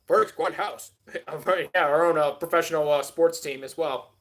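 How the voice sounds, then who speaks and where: A man's voice: on the high side, normal speed. A man hosting a live stream, rambling casually and answering chat with many filler words.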